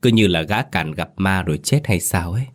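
A man narrating a horror story in a steady, grave manner. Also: deep voice, brisk.

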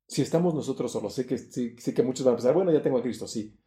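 Dark-toned preacher man. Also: fast, roomy sound. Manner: earnest, swells louder and higher on key points. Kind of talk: sermon.

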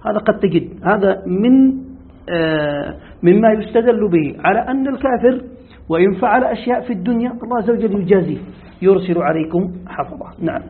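A man's voice: sits high, lively intonation, a little fast. A man, a sheikh, teaching Quran commentary and explaining points to his students. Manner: explains and adds points, ending with a confirming word. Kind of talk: explanatory religious lesson. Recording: tinny phone-like lo-fi audio.

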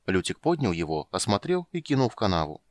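A man narrates a fantasy story with a low, lively voice that rises and falls with the action. His reading is expressive and steady. The recording is dry and close to the mic. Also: a little fast, no room sound. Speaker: audiobook narrator. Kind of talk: scripted narration.

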